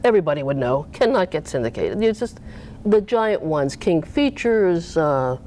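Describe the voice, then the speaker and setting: Animated woman author, swooping pitch. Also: normal speed, a little hiss or hum. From Cape Cod, US. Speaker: author being interviewed. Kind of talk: casual interview talk.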